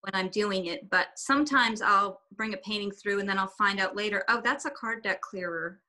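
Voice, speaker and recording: A guest artist joins a video call for a casual chat, wandering a little in her thoughts and restarting phrases. She is a native speaker of German and Swiss German, with a mid-range voice, a moderate pace and a sharp edge to her tone.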